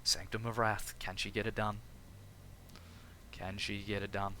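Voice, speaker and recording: Bright-voiced Australian game caster. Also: male voice, on the low side, unhurried, slight background noise. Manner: energetic, chatty, restarts phrases, laughs at own jokes. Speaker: tournament caster and streamer. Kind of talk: live game commentary.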